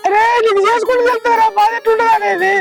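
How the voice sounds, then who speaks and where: Lamenting guy, squeaky high and quick, music blaring under him. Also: steady tone, gravelly. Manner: whiny, lamenting. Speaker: husband in comedy sketch. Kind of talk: scripted village comedy acting.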